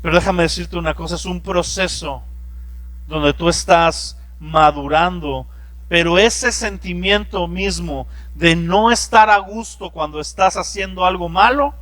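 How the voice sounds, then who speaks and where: A man's voice: on the high side, a bit bright, no echo. A middle-aged man, a pastor preaching a sermon in a conversational way with personal anecdotes.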